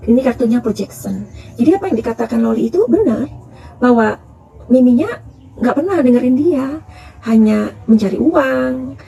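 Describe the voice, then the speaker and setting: A middle-aged woman talking through a tarot reading, confiding and full of advice. Her voice sits slightly high but sounds dark and mellow, with plenty of gravelly fry. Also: animated, moderate pace, long pauses. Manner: chatty, calls listeners "sayang", counsel-giving. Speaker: tarot reader.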